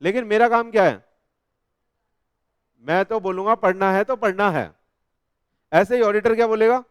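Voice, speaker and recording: A man lectures students in a fairly high, smooth voice. The sound is dry, with no room echo. He keeps checking whether they follow and slows right down to read definitions. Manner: talks straight to students, asks if they follow, reads definitions slowly. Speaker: teacher. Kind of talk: classroom lecture.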